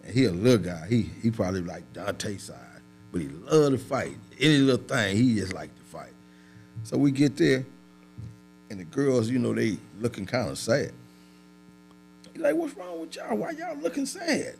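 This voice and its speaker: A man's voice: on the low side, moderate pace, vocal fry, long pauses, a little hiss or hum, low-quality recording. A man telling a rowdy story on a podcast, loose and profane, breaking into laughter. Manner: animated storyteller, laughs often, profane street slang. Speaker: podcast guest. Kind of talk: casual storytelling.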